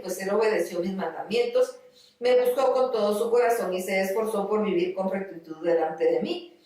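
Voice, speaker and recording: A woman reading the words of a stern old blind male prophet in a solemn, measured way. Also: mid-range voice, darkish tone, natural voice. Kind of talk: scripture reading. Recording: very echoey room, far from mic.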